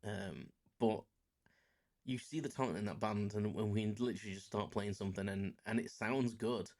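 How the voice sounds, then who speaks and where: An English man of about forty hosts his own podcast, talking casually in a rambling, self-deprecating way full of fillers. His voice sits on the low side, moves at a normal pace, and sounds a little mellow.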